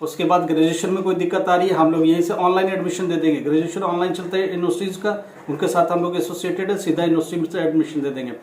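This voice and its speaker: A man's voice: high voice, steady tone, quick pace, darkish tone, slight background noise. A man talking casually to students, earnest and reassuring, warning them off scams. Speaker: education channel host. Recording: echoey room.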